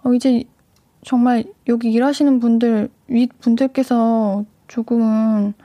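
Female radio host, higher-pitched, dry close studio sound, chatty and direct with listeners. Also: dark tone, dry recording. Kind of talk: casual radio chat reading listener messages. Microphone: studio microphone.

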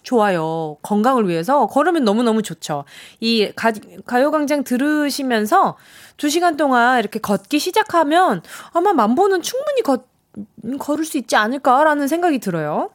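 A woman's voice: high-pitched, very animated, normal speed. A young woman hosting a radio show, reading listener messages in a chatty, encouraging way and acting out quoted lines.

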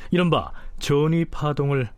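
A man explaining history in a measured lecture style, often posing questions to his listeners. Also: fairly high pitch, a little mellow, no echo.

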